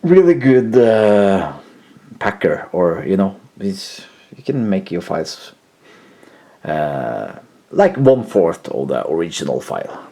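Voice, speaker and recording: A man with a low, creaky, dark-toned voice speaks slowly in a sing-song way while hosting a retro tech video. His computer demonstration is casual and unscripted, hesitant and full of word-searching, with music from the computer's audio player behind him.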